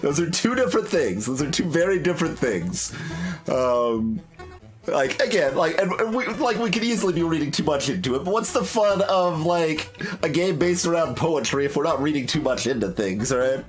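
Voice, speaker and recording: His voice sits on the high side and has a sing-song quality at normal speed. A video game streamer on a blind playthrough, he offers casual, analytical commentary and reads poems aloud, pausing to think things out. Soft plucked guitar music plays in the background.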